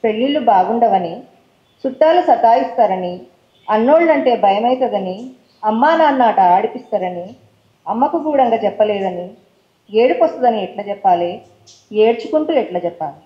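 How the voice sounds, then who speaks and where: A female poet with a Telangana Telugu accent performs her own work on stage at a poetry forum event, chatting casually between poems in talk mixed with English words, then reciting her verse rhythmically. Her voice is fairly high with lively intonation at normal speed, broken by long pauses. The sound is reverberant and lo-fi.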